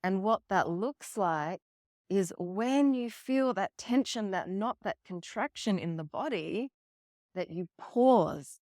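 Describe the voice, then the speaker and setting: A woman coach giving an earnest teaching talk on emotional self-care, speaking slowly and deliberately and swearing now and then. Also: mid-range voice, expressive, darkish tone, dry recording, studio quality. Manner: earnest, slow and deliberate, acts out quoted voices, swears casually. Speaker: relationship coach.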